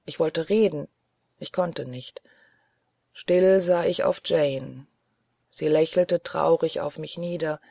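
An audiobook narrator reading a literary novel in first person, in a measured, earnest way. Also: medium pitch, creaky, mellow, dry recording, clean studio sound.

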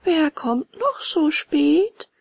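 A woman voicing a calm, unhurried female snail in a storybook, speaking very slowly and drawn out. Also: sits high, creaky, no room sound, voice pushed up, heavily acted. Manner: very slow and drawn out. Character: slow, unhurried giant snail servant, female.

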